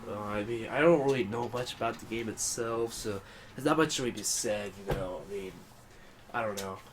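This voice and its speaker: A man's voice: on the low side, fairly quick. A young man co-hosting a casual gaming podcast, stuttering and filling with "you know". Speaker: podcast co-host. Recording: faint background noise.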